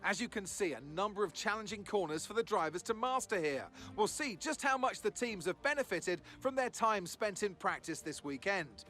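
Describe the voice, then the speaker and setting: A man's voice: sits high, lively intonation, normal speed, few pauses, sharp tone, faint music behind. A man voicing a lead motor-race commentator in a video game, giving polished, upbeat scripted broadcast commentary. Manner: upbeat, polished presenter delivery.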